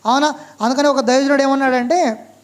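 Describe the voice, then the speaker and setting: A man preaching a sermon, stressing each point and asking his listeners "right?" again and again, reading scripture slowly. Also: very high voice, fairly even intonation. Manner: slow, emphatic scripture reading.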